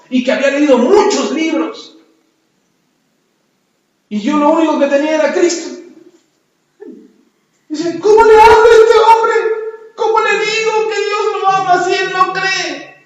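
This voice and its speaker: A man preaches from the pulpit, his voice high-pitched and emphatic as he calls out to the people. He sounds distant and muffled, swimming in the heavy echo of a church hall. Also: darkish tone. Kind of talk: sermon with personal testimony. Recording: echoey, dull hall sound from far off.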